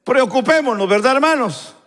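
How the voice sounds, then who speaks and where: A man preaching a sermon, swinging between loud preaching and quiet asides. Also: extremely high pitch, expressive, normal speed. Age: 50s. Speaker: pastor. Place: church sanctuary. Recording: live church recording with long reverb.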